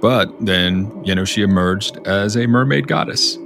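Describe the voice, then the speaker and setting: A man's voice: fairly low pitch, measured pace, gravelly, over music. A man co-hosting a podcast in casual banter, teasing and wisecracking. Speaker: podcast co-host.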